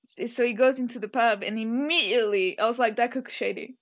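A woman co-hosting a casual podcast chat, opinionated and teasing, with quick asides. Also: fairly high pitch.

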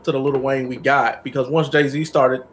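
A man's voice: mid-range voice, level tone, moderate pace. A man co-hosting a casual podcast chat, telling stories bluntly and with lots of profanity. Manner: blunt, profane, emphatic storyteller. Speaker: podcast co-host.

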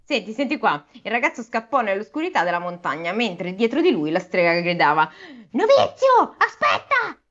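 A woman reading a folk tale aloud in an animated, amused way, chatting between passages. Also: fairly low pitch, brisk, few pauses. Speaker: storyteller. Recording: dull lo-fi recording.

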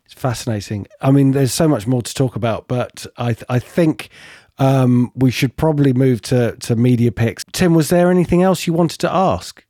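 A man hosts an interview podcast, musing aloud with small hesitations and restarts. His voice is mellow and dark-toned, heard close and dry. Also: mid-range voice, normal speed, dry recording. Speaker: podcast host. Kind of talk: casual interview chat.

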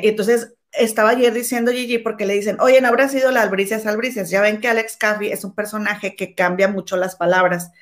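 A woman co-hosting a gossip show, chatting casually and reading a document aloud, calling her partner comadre. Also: mid-range voice.

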